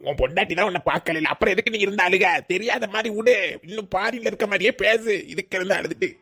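A man's voice: high-pitched, quick pace, vocal fry, bright, forceful tone, slightly rough, exaggerated voice. A man voicing a blunt older laborer in a cartoon who scolds and consoles a crying friend. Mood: gruff consoling. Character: gruff older male laborer, blunt advice-giver.

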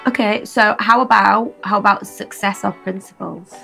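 A woman's voice: medium pitch, steady tone, creaky, bright, forceful tone, faint music behind. An actress playing a witty, bossy young woman on a video date in a game. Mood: teasing. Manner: brisk, bossy, teasing. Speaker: dating-game character. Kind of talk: scripted video-date acting.

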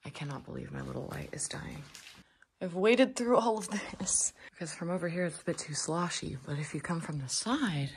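A woman's voice: sits low, lively intonation, moderate pace, vocal fry. A young woman, chatting to viewers in a casual, joking way as she wades through a flooded basement. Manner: chatty, joking, talks to viewers while wading through sludge. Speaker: urban explorer vlogger. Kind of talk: casual vlog narration while exploring. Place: flooded abandoned basement, indoors. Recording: noisy handheld camera audio.

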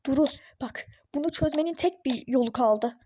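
A meddling, superstitious girlfriend in a phone-game role-play story, as a woman voices her. She nags insistently in a high, mellow voice. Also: moderate pace, dull audio, slight background noise, lightly acted. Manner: insistent, nagging, conspiratorial. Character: pushy superstitious young woman friend, meddling.

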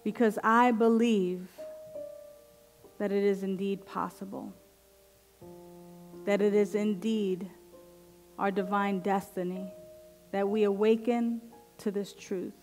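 A woman minister leading a guided affirmative prayer in slow, deliberate, meditative phrases with long pauses. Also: mid-range voice, fairly even intonation, darkish tone, faint music behind. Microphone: headset microphone.

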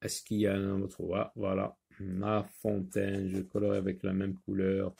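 A man's voice: deep voice, monotone, a little slow, gravelly, mellow, breathy edge. A man teaching a recorded French reading lesson, patiently repeating each word aloud for pupils.

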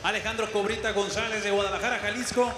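Male lucha libre-style ring announcer, very high, showy and drawn-out, echoey noisy venue. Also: fairly even intonation, over a noisy crowd. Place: boxing venue, over loudspeakers.

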